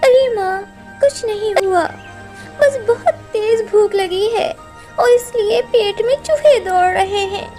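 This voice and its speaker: Brief: a tiny, sweet cartoon girl bird, shrill and high, over clear music. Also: slow pace, mellow. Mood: gentle. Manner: very high, childlike voice. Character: bright, clever young girl bird, gentle.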